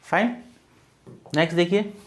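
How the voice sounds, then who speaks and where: A man's voice: sits high, unhurried. A man teaching an English grammar and vocabulary lesson for exam preparation, asking questions and answering them himself to drill key words. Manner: repeats key words as questions to students, explains patiently.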